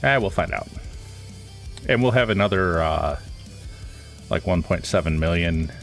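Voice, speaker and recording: A man's voice: deep voice, expressive, unhurried, faint music behind. A man giving casual, rambling live gameplay commentary as a streamer, his voice stuffy from a cold.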